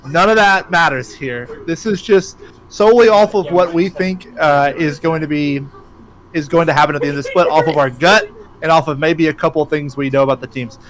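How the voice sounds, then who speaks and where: A man co-hosting a live gaming stream, chatting casually and quickly. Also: on the high side, crowd noise. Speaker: co-host.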